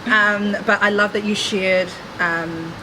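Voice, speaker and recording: A woman's voice: medium pitch, fairly even intonation, slow, noisy background. A woman hosting a podcast in an effusive, informal, chatty way. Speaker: podcast host. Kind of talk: casual, chatty podcast talk.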